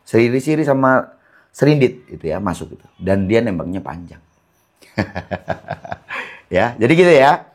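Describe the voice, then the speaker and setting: Chill guy, kinda low voice, talking birds w/ lots of "gitu ya". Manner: relaxed and conversational, lots of fillers like "gitu ya". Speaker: songbird keeper giving training tips. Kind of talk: casual explanatory talk.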